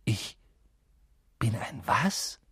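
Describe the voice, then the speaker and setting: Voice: mid-range voice, sing-song, unhurried, breathy edge, dry recording, studio quality, pitched above the performer's own voice. A reader voicing a bewildered young boy. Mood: puzzled. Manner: hesitant, puzzled questions. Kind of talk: audiobook reading.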